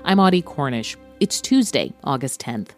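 A woman hosting a news podcast, narrating scripted reports in a grave, measured storytelling manner. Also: extremely low pitch, sing-song. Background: music bed.

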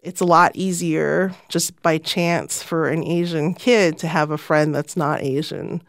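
A woman's voice: sits low, steady tone, unhurried, dry recording, studio quality. A woman, a sociologist guest, explaining research in an interview.

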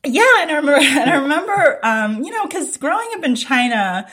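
Speaking briskly in a high voice, a middle-aged children's book author from the United States shares personal stories as an interview guest. Her American-accented delivery is lively, emphatic and chatty.

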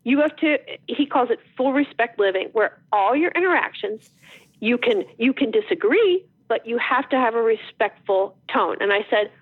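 A middle-aged woman from New Jersey, an author guest telling stories in a lively, animated way with quick restarts. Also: fairly high pitch, husky, no room sound. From New Jersey, USA. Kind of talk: casual interview chat. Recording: tinny phone line, dry.

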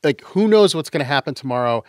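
A man's voice: on the high side, expressive, fast, no room sound. Dry, matter-of-fact man in casual chat. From Canada, raised in Utah. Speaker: podcast co-host.

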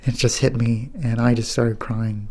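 A man, a newspaper photographer, speaking haltingly and emotionally in an interview, searching for words. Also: medium pitch, little pitch movement, a little mellow. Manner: halting, searching, with fillers and restarts.

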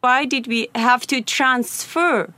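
A woman speaks as a live interpreter, her slightly high voice following a speech a beat behind. She halts and repeats questions as she keeps up. The sound is close and dry. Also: steady tone, slow, bright, forceful tone, dry recording. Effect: live interpreter voice translating a speech. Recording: archive clip played into the show.

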